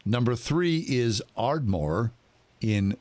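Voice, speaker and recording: A man co-hosting casual radio talk, reading out items with deliberate emphasis. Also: mid-range voice, expressive, a little mellow, no echo. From Pittsburgh area, USA. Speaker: radio co-host.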